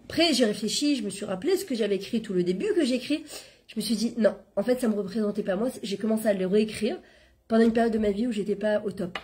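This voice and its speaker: A middle-aged woman giving an informal religious lesson, talking in a lively, conversational way and dropping Hebrew terms into her French. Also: mid-range voice, fast talker, a little hiss or hum. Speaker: Torah class teacher and coach.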